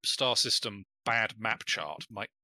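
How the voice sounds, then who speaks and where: A man's voice: lowish voice, expressive, slow, pushed and bright. A man playing a tabletop game with friends, chatting casually with wry, jokey wordplay. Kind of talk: casual chat during an online tabletop game.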